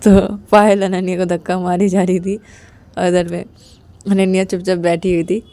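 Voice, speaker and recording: मुलायम आवाज़ वाली कहानी सुनाने वाली महिला. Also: female voice, on the low side, little pitch movement, normal speed, dark tone. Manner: plain, repetitive narration. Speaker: storyteller. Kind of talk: casual storytelling narration.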